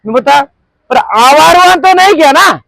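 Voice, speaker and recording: Very high-voiced man. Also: expressive, normal speed, creaky, a bit bright, no room sound, low-quality recording. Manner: quizzes the audience constantly, asks for call-and-response. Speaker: network marketing trainer. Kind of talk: interactive seminar talk. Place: training room with a group audience.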